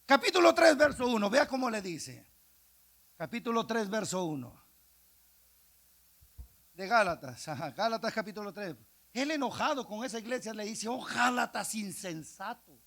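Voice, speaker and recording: Gravelly, high-pitched shouting preacher man. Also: sing-song, moderate pace, pauses often. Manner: swings from hushed speech to impassioned shouting. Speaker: evangelist preacher. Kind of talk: Pentecostal-style sermon.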